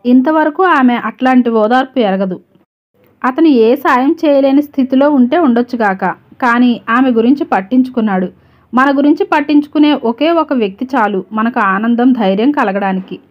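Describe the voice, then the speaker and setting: A woman storyteller reading a scripted story in a steady, even manner. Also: high-pitched, moderate pace. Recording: slightly dull lo-fi recording.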